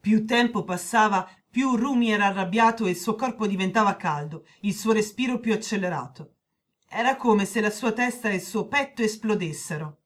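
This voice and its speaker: A woman narrating a children's story in a clear, measured way. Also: medium pitch.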